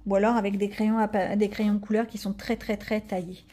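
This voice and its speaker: Chatty woman, mellow voice. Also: medium pitch, little pitch movement, brisk. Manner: chatty, rambling, lots of filler and asides to viewers. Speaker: coloring vlogger. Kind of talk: casual chat showing coloring pages.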